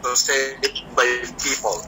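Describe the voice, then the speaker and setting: A man chatting on a video call, soft-spoken and jokey, dropping English phrases into his talk. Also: medium pitch, steady tone, slow pace, background noise. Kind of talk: casual video call chat.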